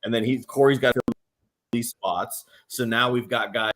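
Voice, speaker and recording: A man's voice: medium pitch, unhurried. A man hosting a casual podcast about armwrestling, talking in a loose, profane storytelling way. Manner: profane, animated storytelling with acted quotes.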